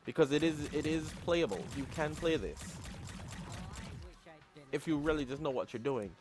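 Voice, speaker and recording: A man's voice: on the high side, animated, moderate pace. A man giving casual, rambling gameplay commentary as the host of a gaming video, often repeating his points.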